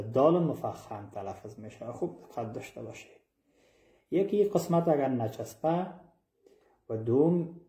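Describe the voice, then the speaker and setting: A man teaching Quran pronunciation, explaining slowly and repeating each sound with drawn-out syllables. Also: medium pitch, dark tone, roomy sound. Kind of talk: tajweed pronunciation lesson.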